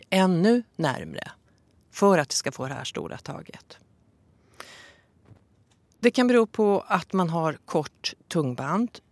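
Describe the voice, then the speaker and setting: A woman calmly explaining breastfeeding advice in a casual podcast talk, with some fillers. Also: fairly low pitch, dry recording.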